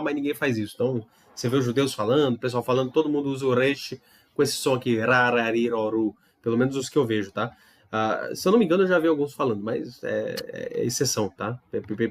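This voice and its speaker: A man's voice: mid-range voice, fast. A man teaching a recorded Hebrew lesson, explaining patiently, demonstrating sounds and checking in with his students often. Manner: explains patiently with many tag questions and demonstrations.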